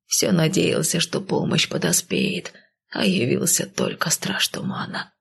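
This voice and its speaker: A woman voicing a timid, guilt-ridden undead male coachman who mumbles and pleads in a hushed voice. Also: low-pitched, wildly swooping pitch, a little slow, vocal fry, husky, pitched below the performer's own voice, heavily acted. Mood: reluctant.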